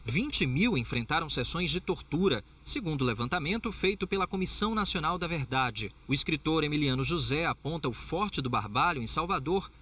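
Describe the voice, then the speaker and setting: A male reporter reading a scripted news narration in a measured, formal way. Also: fairly high pitch, lively intonation, bright, forceful tone, breathy edge, dry recording, distant mic.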